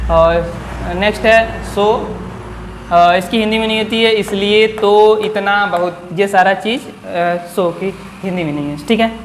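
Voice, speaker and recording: A man's voice: sits high, fairly bright tone. Patient male tutor in an echoey room. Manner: patient, repeats words and checks with "theek hai". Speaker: English teacher. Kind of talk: bilingual vocabulary lesson. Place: coaching classroom. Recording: echoey room, faint background noise.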